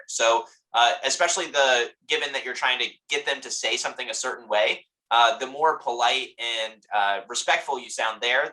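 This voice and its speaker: Man, debate coach, explaining, filler-heavy, bright clear tone. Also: medium pitch, poor audio. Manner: steady, fills with "uh" and "kind of". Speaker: guest lecturer and debate coach. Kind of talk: explaining in a workshop Q&A.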